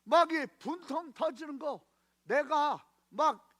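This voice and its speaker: A man's voice: very high-pitched, slow. A man preaching a Sunday sermon in a church, telling a story and calling for answers from the congregation. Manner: storytelling with animated swings from hushed to shouted; call-and-response with the congregation. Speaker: pastor. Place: church sanctuary.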